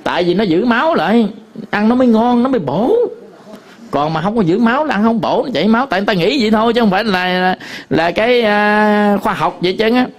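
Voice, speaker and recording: A man's voice: sits high, animated, fast talker. A man with a Southern Vietnamese accent, a Buddhist monk giving a dharma talk to an audience, telling stories with many fillers and repetitions.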